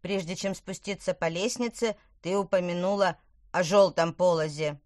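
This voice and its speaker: A woman's voice: fairly low pitch, normal speed, darkish tone, no room sound, studio quality, natural voice. A woman reading a storybook, voicing a small, anxious male apple man who fusses and corrects others. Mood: corrective.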